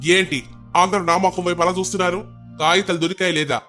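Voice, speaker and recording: A man voicing a loud, stern young man posing as an electricity officer in an animated story. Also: high voice, quick pace, faint music behind. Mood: gruff. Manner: barking, gruff.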